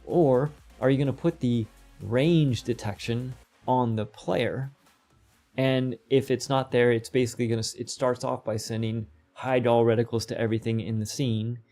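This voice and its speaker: A middle-aged man talks through a game development tutorial, quick and rambling, often breaking off and starting his sentences over. His voice has a gravelly edge. Faint music plays quietly behind him. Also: medium pitch, fairly even intonation. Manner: rambling, quick, self-interrupting. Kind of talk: casual screen-recorded tutorial.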